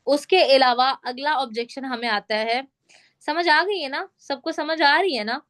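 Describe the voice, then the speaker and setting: A woman's voice: high voice, unhurried, fairly bright tone. A woman running an online sales training, explaining step by step and often checking that everyone follows. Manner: instructive, repeats check questions. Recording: call audio.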